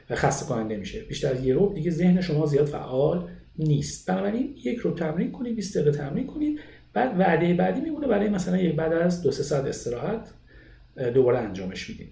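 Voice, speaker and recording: A man teaching a language lesson, explaining study methods with lively, rising emphasis. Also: on the high side, vocal fry, reverberant. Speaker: English teacher.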